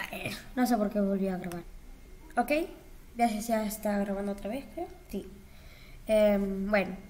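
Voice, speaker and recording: A young woman, chatting casually as she talks herself through editing block textures, with flustered exclamations. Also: mid-range voice. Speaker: YouTuber.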